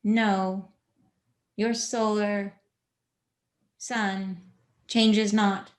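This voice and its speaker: Very slow, solemn woman channeling. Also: medium pitch, little pitch movement. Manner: slow, measured, solemn, speaks as a collective "we". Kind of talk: channeled spiritual message.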